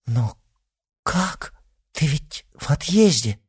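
A man's voice: a little high, lively intonation, takes it slowly, a little mellow, husky, pitched above the performer's own voice, exaggerated voice. A man voicing a defiant, resentful young woman arguing with her father.

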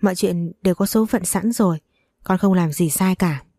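A woman reading the part of an older mother-in-law who talks slowly and soothingly but snaps at her daughter-in-law. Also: lowish voice, warm tone, no echo, clean studio sound. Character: older mother-in-law, doting yet harsh.

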